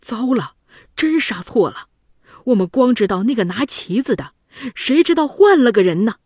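A woman voicing a group of rough male soldiers who speak bluntly and then in alarm, in a storybook reading. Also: a little high, sing-song, normal speed, darkish tone, no room sound, studio quality, voice pushed up.

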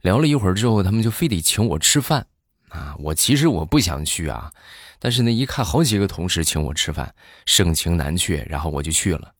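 A man's voice: low voice, big pitch swings, slightly rough, no room sound, clean studio sound. A married man telling comic everyday stories in a chatty monologue, stretching his filler sounds and acting out other people's lines. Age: adult, married. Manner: chatty, drawn-out filler particles, acts out voices. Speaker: comedian.

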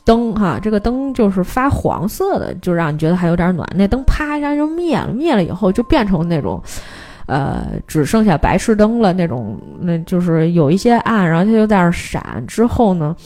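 A woman, hosting a casual film podcast and retelling a plot in lively detail. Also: on the low side, a little fast. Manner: animated storytelling, briefly mimics characters' lines.

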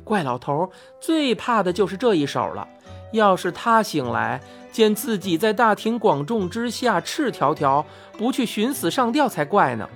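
A woman's voice: mid-range voice, moderate pace. A woman telling a story in the first person, reading expressively and acting out the dialogue. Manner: lively, acts out the quoted lines. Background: faint music.

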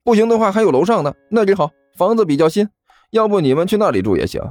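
Brief: a man playing a wheedling landlord, raised lively voice, dry close sound. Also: high voice, fast, no echo, soft background music, pitched above the performer's own voice. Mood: wheedling, wary. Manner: chatty, persuasive, nervous stammer. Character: middle-aged male landlord, wheedling and nervous.

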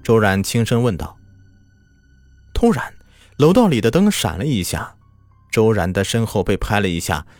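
Man narrating a ghost story dramatically. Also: fairly low pitch. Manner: dramatic, rising tension. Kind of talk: scripted horror narration.

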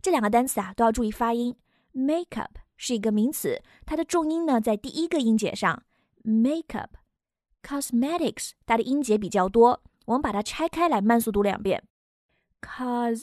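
Woman, English teacher, upbeat, clear explanations, fairly high voice, dry sound. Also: animated, darkish tone, dry recording. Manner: clear, upbeat explanations with slow model readings. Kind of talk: short English lesson.

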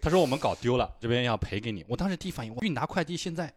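Male host, fast, expressive, mid pitch, laughs easily. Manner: animated, laughs through anecdotes. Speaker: podcast host. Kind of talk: casual storytelling chat.

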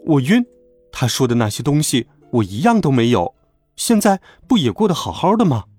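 A man narrating a children's audiobook in a playful, lively storytelling manner. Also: medium pitch, normal speed, breathy edge, no echo, faint music behind.

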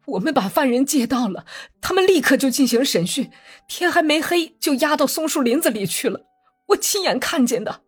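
A woman's voice: sits high, animated, moderate pace, faint music behind, pitched above the performer's own voice. A woman voicing a Cossack driver who bluntly reports grim news.

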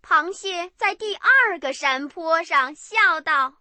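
A woman narrating a bedtime story for children in an expressive, animated way. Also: very high voice, takes it slowly, dry recording.

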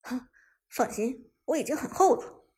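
A calm, confident young team captain speaks in an audiobook, voiced by a woman narrator. The voice is high and very breathy, and his manner stays cool and understated. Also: measured pace, exaggerated voice.

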